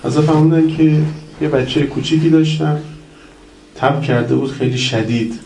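A man giving a religious sermon, telling stories and rising in pitch and volume as he recounts them. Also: fairly even intonation, gravelly, darkish tone, slight background noise. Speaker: preacher. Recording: echoey room, mic at a distance.

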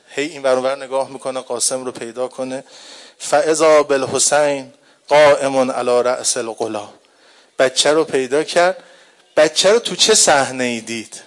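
A man preaching a mourning sermon, moving from quiet storytelling to loud, grieving lament, and reciting passages in slow chanted lines. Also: mid-range voice.

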